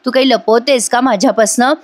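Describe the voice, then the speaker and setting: A woman voicing a caring older husband who gently presses his wife to open up. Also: on the high side, steady tone, a little fast, close to an everyday voice. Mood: worried.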